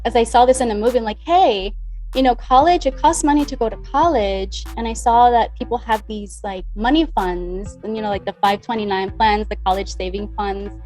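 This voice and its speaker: Soft music plays behind this brisk, slightly mellow, higher-pitched woman. She's a money mindset coach from the Dominican Republic, guesting on an interview in a lively, talkative way and acting out earlier exchanges.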